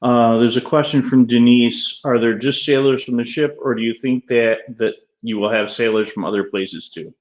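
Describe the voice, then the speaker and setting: A man's voice: mid-range voice, fairly even intonation, moderate pace, hardly any pauses, darkish tone. A man on an investigation team, chatting casually on a live stream as he gives directions and relays viewer questions.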